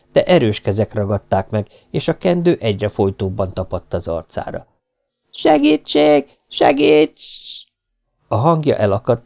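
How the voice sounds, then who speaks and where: Gravelly male audiobook narrator. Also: fairly low pitch, warm tone.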